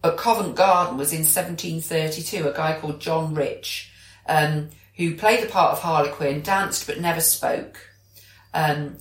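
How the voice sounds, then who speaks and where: A low-voiced British woman speaks at a moderate pace while co-hosting a podcast. Her talk is chatty and casual, with explanations woven in as she goes, and the sound is echoey and roomy.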